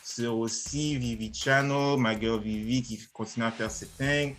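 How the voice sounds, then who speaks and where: A man's voice: medium pitch, fairly even intonation, a little slow, a bit bright, a little hiss or hum. Hyped-up man hosting. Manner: mixes English slang into French, hype-man energy. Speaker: host. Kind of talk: casual game chat.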